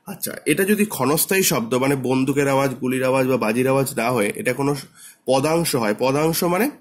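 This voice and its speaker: A husky-voiced man gives a physics lesson at an unhurried, patient pace. He repeats every number and step so his students can follow. His voice sits at an ordinary middle pitch. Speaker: physics teacher.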